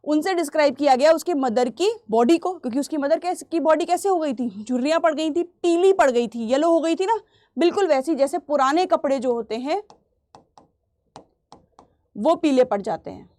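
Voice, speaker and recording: A woman teacher runs an exam revision lesson in a fairly high voice. She reads English lines slowly, then explains them and repeats the key points for her students. The sound is dry and close, with no room echo. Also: animated, mellow. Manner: clears throat now and then.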